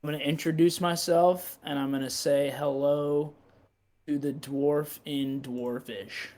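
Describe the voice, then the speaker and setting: A man's voice: fairly high pitch, steady tone, unhurried, a little mellow. A man playing a tabletop game, describing his character's actions politely with some hesitation. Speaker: player. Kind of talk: casual game chat.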